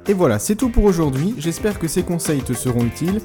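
Male podcast host, scripted teaching read, slightly high voice, soft music bed. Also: expressive. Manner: clear, didactic, slows down to model pronunciations. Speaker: language-learning podcast host. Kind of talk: scripted educational narration.

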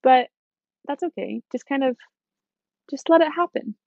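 A woman's voice: high-pitched, expressive, a little slow, vocal fry, a little mellow, no room sound, lo-fi sound. A young woman hosting a podcast, talking in an earnest, encouraging, casual way and laughing now and then. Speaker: podcast host. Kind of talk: casual self-help podcast talk.

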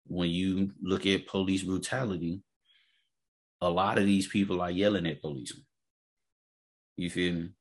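A man's voice: sits low, steady tone, normal speed, long pauses. A man in a casual, opinionated discussion, speaking emphatically, repeating his points and checking that the listener follows.

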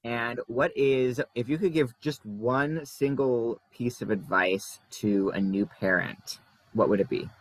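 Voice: mid-range voice, measured pace, no echo, rough recording. A podcast host asking interview questions in an upbeat, giggly way. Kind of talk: casual interview chat.

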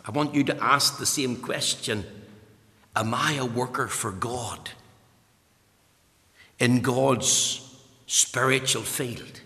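A man's voice: mid-range voice, pushed and bright. A man with a Northern Irish accent preaching an evangelical sermon in an emphatic way, repeating phrases for weight. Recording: echoey hall with long reverb.

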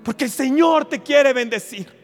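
A man preaches with fervor, his voice pitched very high for a man and edged with a gravelly fry. He repeats his phrases and surges into shouts. The sound rings through a large hall with music playing softly underneath. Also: normal speed. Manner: fervent, repetitive, bursts into shouting. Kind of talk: fervent sermon. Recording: reverberant hall with background music.

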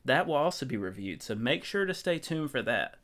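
A man's voice: mid-range voice, sing-song, a little fast, a bit bright. A man co-hosting a film podcast, chatting casually in an upbeat, jokey way as he runs through box office news. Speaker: podcast co-host.

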